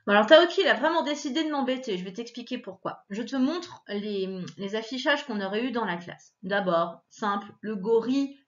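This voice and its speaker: Lively, patient woman teaching a child. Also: lo-fi sound. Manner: patient, sounds out words slowly and repeats them; lively, pitch leaps up when stressing a point. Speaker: primary school teacher. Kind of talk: remote reading lesson for a young child.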